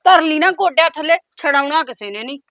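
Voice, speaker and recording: A taunting elder sister-in-law. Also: female voice, sits high, expressive, fast talker, fairly bright tone, dry recording, studio quality. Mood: contemptuous. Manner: taunting, bossy, mocking. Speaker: actress. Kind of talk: village family drama acting.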